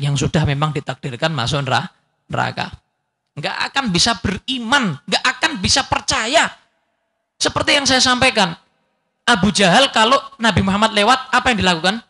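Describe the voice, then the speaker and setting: A middle-aged man with a Javanese accent preaching a sermon, lively and teasing, often asking his listeners questions. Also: high-pitched, gravelly, breathy edge. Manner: mixes Javascript-free Javanese phrases, lively and teasing, asks the audience questions. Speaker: Islamic preacher.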